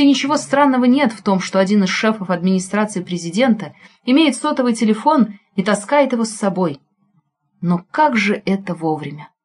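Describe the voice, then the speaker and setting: A woman reading a thriller audiobook in an expressive narrating voice. Her pitch sits in a middle range for a woman. She follows the heroine's thoughts closely.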